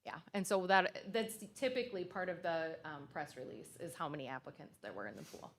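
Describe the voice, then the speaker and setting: A woman's voice: low voice, sing-song, brisk, slight background noise. A woman consultant presenting to a school board at a public meeting, conversational and loose, with frequent fillers and restarts.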